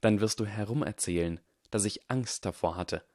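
A proud young aristocratic wizard speaks in a hushed, clipped, suspicious way, as a man reads him. The voice is low and quiet, and the recording is dry and close, like an audiobook. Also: normal speed, dry recording, natural voice. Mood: hard, wary.

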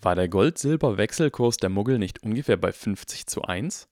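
Male audiobook narrator, calm measured storytelling, fairly low voice, dry close sound. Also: no echo. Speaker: audiobook reader. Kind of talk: scripted narration.

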